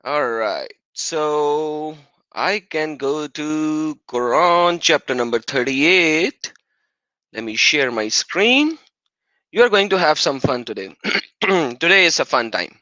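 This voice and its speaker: A man hosting a casual live stream, enthusiastic and quick to laugh. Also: a little high, animated, bright, forceful tone, no room sound. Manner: upbeat, enthusiastic, laughs often. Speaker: livestream host. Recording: dry, dull lo-fi stream audio.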